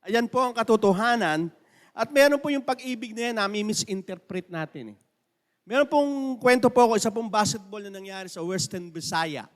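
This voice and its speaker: Male pastor preaching in a church, kind of high voice, big long reverb from the hall, chatty and keeps asking the crowd questions. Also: animated, brisk. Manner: conversational preaching, asks the congregation questions. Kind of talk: sermon. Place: church sanctuary.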